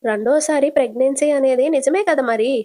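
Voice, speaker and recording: Teasing kid sister with a raised, bright pitch, as a woman storyteller voices her, casual serial retelling. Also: fairly quick, lightly acted. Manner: teasing, affectionate. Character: cheerful young woman hospital accountant, younger sister.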